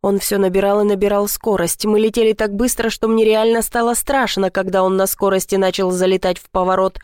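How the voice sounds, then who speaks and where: A woman's voice: mid-range voice, flat delivery, brisk, darkish tone, smooth, no echo, studio quality. Woman narrating a tense first-person story. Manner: tense, dramatic reading with voiced dialogue. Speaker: audiobook narrator.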